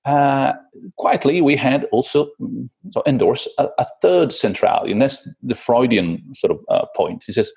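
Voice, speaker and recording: A man's voice: mid-range voice, expressive, moderate pace, vocal fry, a little mellow, husky. A man, a guest author, explaining an idea in a conversational way, with many fillers, hesitations and restarts.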